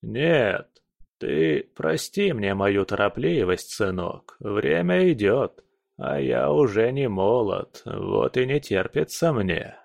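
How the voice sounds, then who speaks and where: A man voicing an old, scheming male crime boss with a creaky, syrupy, falsely affectionate voice on the phone. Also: fairly low pitch, animated, slow, a little mellow, no echo, studio quality, heavily acted. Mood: fawning.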